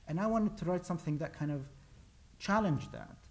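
Standing on a lecture stage before a pale wall, an Iraqi man in his forties talks about the plays he has written. He speaks briskly in a slightly high voice, hesitating and restarting many times.

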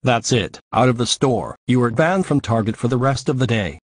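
A man voicing a stern, rule-bound store employee in an animated cartoon, with a husky tone. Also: medium pitch, no room sound, lightly acted. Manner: stern, brisk.

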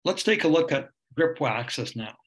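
Presenting a ski webinar from his home on a video call, this older Canadian instructor explains steadily while using many fillers. He speaks unhurriedly in a fairly high voice with lively intonation, through a webcam or computer microphone.

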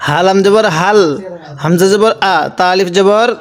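A man's voice: sits high, moderate pace. A man teaching Quran reading, spelling out Arabic letters one by one and then chanting the words drawn out. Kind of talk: slow spelling-out recitation lesson. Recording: long hall reverb.

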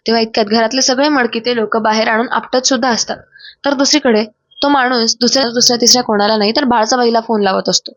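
Woman retelling a serial, fairly high voice. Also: fairly even intonation, no echo. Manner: brisk, with fillers and restarts. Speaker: narrator. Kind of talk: storytelling recap of a TV serial. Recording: dry, slightly dull sound.

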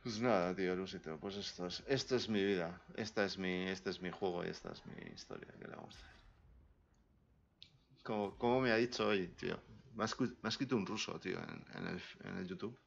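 A man from Spain chatting casually on a live game stream, slangy and rambling, often drifting quietly away from the mic. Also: sits low, brisk, vocal fry, slight background noise. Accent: Spain Spanish. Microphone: desk mic, sometimes far from it. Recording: dull lo-fi stream audio.

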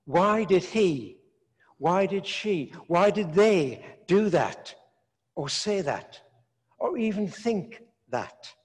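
An older man, a priest, preaching a sermon in slow, measured phrases with long pauses, recorded in a large stone church. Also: high voice, lively intonation, slightly rough. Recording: echoey church from a distance.

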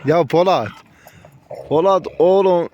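A man's voice: slow, dull audio. Man cooing fondly at his dogs. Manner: coos fondly at his dogs, pitch jumping up. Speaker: dog breeder vlogger. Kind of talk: casual talk to dogs and viewers.

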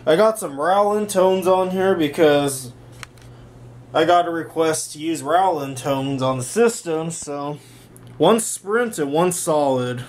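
Holding his own phone or camera, a young home vlogger walks through a casual demonstration in his bedroom and home workshop. He speaks slowly in a fairly high pitch, and a little hiss or hum sits under the audio.

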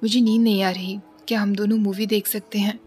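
A woman's voice: mid-range voice, flat delivery, brisk, darkish tone, breathy edge, soft background music, natural voice. A woman voicing a brooding, bossy young man who keeps pressing and coaxing in a storybook reading.

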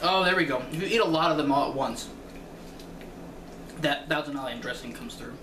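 A man speaks a little high for his voice, his words thick because his mouth is full and he is chewing. He pauses and thinks aloud as he reviews snacks. He sounds like he is some way off the mic in a roomy space, with steady noise behind him. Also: far from the mic. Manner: halting, thinking aloud with fillers. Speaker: food reviewer. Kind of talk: casual food review vlog.

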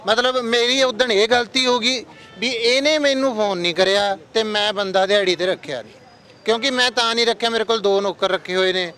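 A young man with a Punjabi accent talks earnestly in a casual street chat, explaining at length. His voice sits fairly high and sounds bright and forward, with traffic noise behind. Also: fairly quick. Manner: earnest, explanatory, addresses friends as brother. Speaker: interviewee. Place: outdoors on a street.

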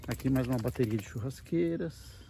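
Speaking fairly quickly in a mellow, gravelly voice of medium pitch, this camping vlogger leads a relaxed walking tour through a wooded campground. He chats into a handheld mic, explains as he goes, and keeps adding check-in tags, all captured in a noisy outdoor recording.

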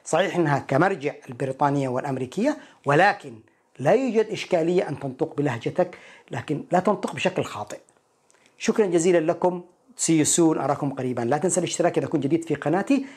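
A man teaching an English pronunciation lesson, explaining each point and repeating words slowly to model them. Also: fairly high pitch, expressive, a little mellow, breathy edge.

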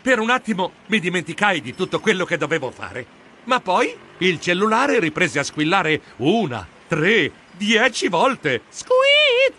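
Man, children's audiobook narrator, high, animated, bright voice. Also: normal speed, husky. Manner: expressive, excitable.

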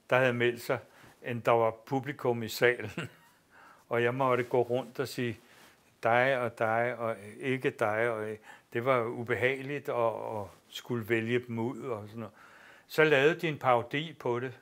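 Older guy spinning yarns, mild swearing, easygoing mid-pitched voice. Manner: lively raconteur, swears casually. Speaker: interview guest, actor and theatre director. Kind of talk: anecdotal storytelling.

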